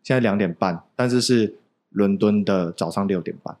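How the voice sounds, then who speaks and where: A man's voice: on the low side, moderate pace, a little mellow. A young Taiwanese man with a Taiwanese Mandarin accent, a podcast guest telling loose, rambling anecdotes with frequent chuckles. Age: young adult. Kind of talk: casual chat.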